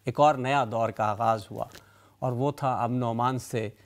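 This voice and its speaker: A man, hosting a TV talk show and opening it with a measured, reflective studio monologue. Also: mid-range voice, fairly even intonation. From Karachi, Pakistan. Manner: measured, reflective storytelling with rhetorical lists. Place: TV studio with city backdrop, indoors.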